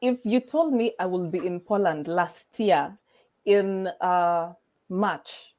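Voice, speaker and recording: A woman's voice: lowish voice, slow pace, darkish tone, low-quality recording. Kenyan woman, young adult, guest chat, frequent laughs, video call. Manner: laughs often, mixes in Swahili. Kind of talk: casual interview chat.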